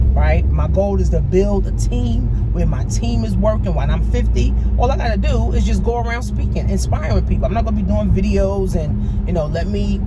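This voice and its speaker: A woman money coach giving a motivational vlog talk, emphatic, repetitive and slangy, with a preachy edge. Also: on the low side. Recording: clear traffic noise behind.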